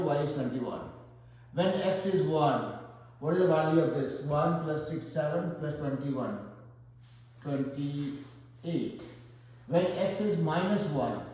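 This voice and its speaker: With a fairly high pitch and a warm tone, a math tutor with an Indian accent teaches a lesson, working through each problem aloud step by step. The recording has heavy room echo.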